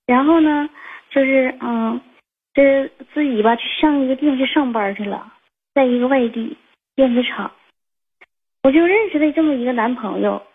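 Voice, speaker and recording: Calling in over a thin, tinny phone connection, this woman in her twenties tells a personal story in a meandering way, stumbling over fillers and restarts. She has a high-pitched, husky voice and keeps a moderate pace.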